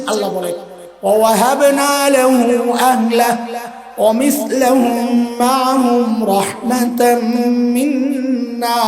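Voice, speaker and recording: A man preaching an animated sermon, quizzing the crowd with questions and chanting Arabic verses slowly. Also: sits high. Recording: echoey sermon recording with crowd.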